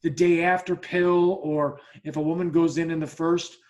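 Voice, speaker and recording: In a slightly high, level voice at a moderate pace, a podcast host recounts a story during a casual chat. His delivery is blunt and profane, with frequent restarts and acted-out dialogue for both sides.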